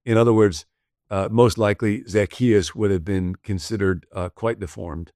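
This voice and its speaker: A man's voice: lowish voice, fairly even intonation, normal speed, darkish tone, no echo, clean studio sound. A man teaching a sermon-style video lesson, conversational and explanatory, reading scripture with casual asides. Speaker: pastor.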